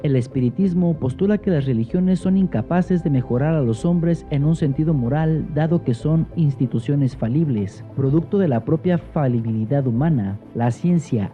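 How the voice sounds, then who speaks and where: A man reading scripted educational narration in a steady, formal way. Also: mid-range voice. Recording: dull, muffled lo-fi audio. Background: faint background music.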